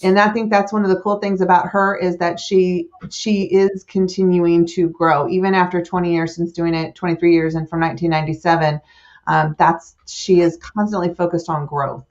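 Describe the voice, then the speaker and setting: A woman's voice: on the low side, flat delivery, normal speed, a little mellow. Woman host, enthusiastic casual chatter, muffled call sound. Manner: chatty, enthusiastic, frequent fillers. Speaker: host of weekly staff wrap-up. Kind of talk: casual staff chat.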